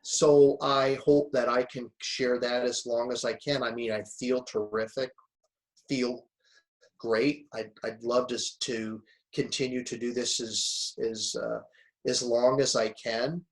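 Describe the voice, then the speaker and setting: A man of around sixty, a guest speaker and author, talking in a relaxed, reflective way and telling stories with frequent chuckles. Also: mid-range voice, a little slow. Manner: reflective, storytelling, chuckles often. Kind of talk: relaxed conversational interview.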